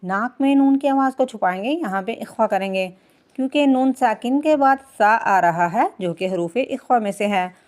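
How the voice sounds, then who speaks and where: A woman teaching Quran recitation rules, chanting verses slowly and drawn out, then explaining quickly in plain speech. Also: a little high, expressive, darkish tone. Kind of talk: tajweed lesson, slow recitation alternating with quick explanation.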